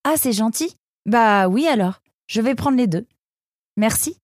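A woman's voice: fairly high pitch, expressive, unhurried, a little mellow, dry recording, studio quality, pitched above the performer's own voice. A woman voicing a shy, earnest young male storybook animal who speaks hesitantly and politely. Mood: timid polite.

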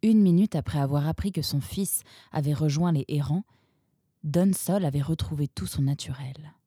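A woman reads a storybook in a calm, even manner. Her voice sits fairly low, and the recording is dry and close. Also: normal speed, slightly rough, no echo. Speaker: narrator. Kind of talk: scripted storybook narration.

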